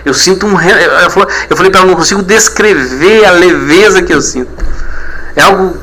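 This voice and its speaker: Pastor guy, 30s, emotional testimony, repeats himself, high-ish bright voice. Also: fairly quick, slight background noise, rough recording. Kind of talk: personal testimony.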